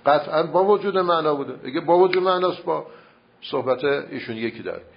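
A somewhat high, expressive, creaky male voice, recorded with lo-fi sound. He teaches a seminary class, patiently explaining and arguing a point through many rhetorical questions in a classroom debate about grammar and logic.

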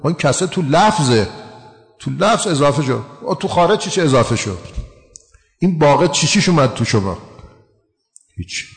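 A man's voice: a little high, very animated, pauses often, big-room sound. A man giving a religious lecture, explaining a text and asking his listeners rhetorical questions.

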